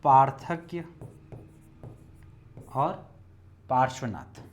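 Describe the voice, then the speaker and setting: A man's voice: medium pitch, animated, drawn-out words, faint music behind. A male Hindi lecturer teaching an exam-prep lesson, explaining each step methodically and repeating it while he writes.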